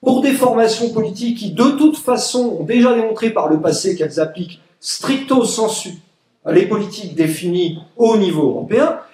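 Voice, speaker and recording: At a public meeting in an echoing room, an Egyptian man gives a sarcastic, emphatic political speech. His high-pitched, slightly mellow voice has lively intonation and a normal pace, and he mocks opponents by voicing their words in parody.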